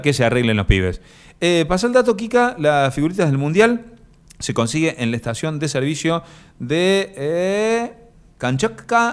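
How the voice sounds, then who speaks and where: A man with an Argentine accent hosting a live stream, reading viewer comments and rambling through mock-serious jokes with many fillers. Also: a little high. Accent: Argentine Spanish. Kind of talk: joking casual chat.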